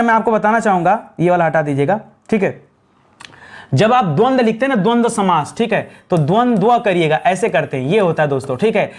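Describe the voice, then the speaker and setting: Male Hindi teacher quizzing his class. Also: high-pitched. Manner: repeats questions to students, calling them "friends"; clears throat now and then. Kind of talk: spelling lesson at a board.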